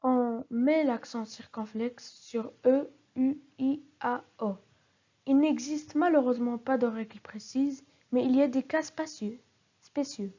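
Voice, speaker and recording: Slow, careful woman teaching spelling. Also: high voice, dark tone. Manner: careful, spelling out example words syllable by syllable. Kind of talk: recorded grammar lesson. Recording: dull lo-fi recording.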